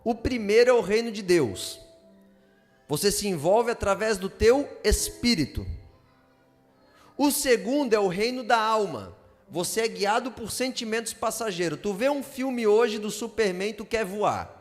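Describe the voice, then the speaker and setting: A man with a high-pitched voice teaches a sermon from the pulpit, lively and often pausing to ask the congregation for replies. His voice carries a long church-hall reverb. Faint music plays underneath. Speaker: pastor. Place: church sanctuary.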